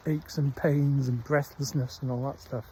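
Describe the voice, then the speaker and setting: Walking his dog outdoors in the countryside, this middle-aged vlogger with a Welsh accent chats casually into a handheld phone, rambling slowly and pausing often. The audio is poor with slight background noise, and his mid-range, darkish voice stays flat.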